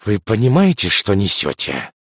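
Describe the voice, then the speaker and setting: A man's voice: lowish voice, wildly swooping pitch, moderate pace, fairly bright tone, husky, no echo, clean studio sound, heavily acted. A man voicing a cheerful, curious male official who exclaims readily, in an audiobook. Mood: indignant. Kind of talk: audiobook character voice.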